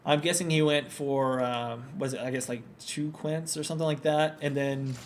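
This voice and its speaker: A man giving solo play-by-play commentary on a video game, relaxed and analytical with frequent fillers. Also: medium pitch, moderate pace, a little hiss or hum. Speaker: esports commentator.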